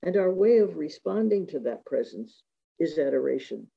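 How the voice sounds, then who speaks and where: A man giving a reflective talk on religious devotion, measured and reading quotations aloud, in a dull lo-fi recording. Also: a little high, creaky, dark tone, breathy edge. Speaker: speaker giving a talk on Eucharistic spirituality.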